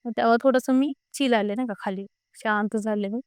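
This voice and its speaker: Speaking a little high and fairly quick in a smooth tone, a young woman guest tells her own scary ghost story in a casual, spoken way. She animatedly quotes what everyone said, over and over, in a studio-quality recording with no room sound.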